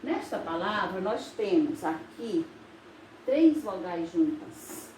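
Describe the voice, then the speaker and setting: A woman from Brazil, a teacher, explaining grammar in a recorded video lesson, slow and patient, with frequent recaps. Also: lowish voice, animated, a little mellow. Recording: echoey room with faint noise.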